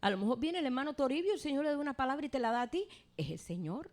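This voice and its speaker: A woman's voice: sing-song, rapid-fire. Fervent woman preaching a sermon. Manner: swings from soft, low pleading to loud, high proclaiming.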